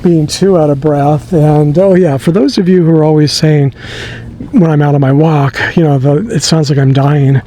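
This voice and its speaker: An older American man with a wheezy voice, out of breath, chatting casually in a halting, rambling way as he walks outdoors with the mic close to his mouth. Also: on the high side, steady tone, warm tone, low-quality recording. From suburb of Los Angeles, USA. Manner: rambling, halting, self-correcting. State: out of breath from walking uphill. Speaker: vlog host. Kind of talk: casual walking chat. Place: outdoors, walking on a hilly residential street. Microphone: camera microphone inches from the mouth. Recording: outdoor ambient noise, close camera mic.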